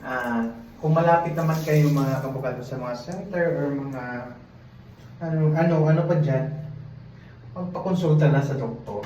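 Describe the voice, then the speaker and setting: A man's voice: medium pitch, normal speed, pauses often, warm tone, slight background noise. A man vlogging casually while doing laundry, chatty and rambling, often laughing at himself. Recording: echoey, dull, from far off.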